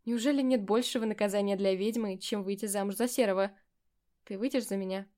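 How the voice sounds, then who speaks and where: An earnest young nobleman, voiced by a woman reading the storybook aloud, mostly in her own natural register. He sounds sincere and steady, and gently firm when he is asking something important. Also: mid-range voice, a little fast, close to an everyday voice. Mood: tender. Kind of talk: audiobook character voicing.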